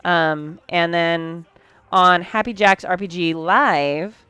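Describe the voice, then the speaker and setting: A woman's voice: on the low side, slow pace, pushed and bright, clear, resonant tone, no room sound. Tired chatty woman streaming late at night. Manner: chatty, talks to chat while working. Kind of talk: casual live-stream chat while sewing.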